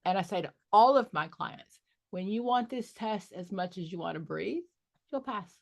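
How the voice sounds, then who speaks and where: A woman's voice: mid-range voice, lively intonation, normal speed, creaky. A middle-aged woman coaching an exam prep group, candid and joking with sassy asides. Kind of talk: live online study group.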